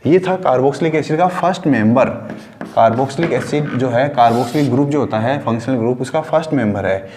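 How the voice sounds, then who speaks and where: A male chemistry teacher giving a lesson in a casual classroom style. He asks questions and answers them himself, mixes in English terms, and repeats key words slowly. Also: medium pitch, darkish tone, a little hiss or hum.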